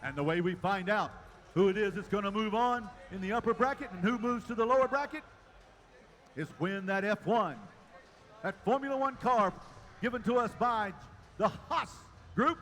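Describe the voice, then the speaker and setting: A man giving live play-by-play commentary at a robotics competition, energetic and building to shouts at the close. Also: high voice. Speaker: match announcer.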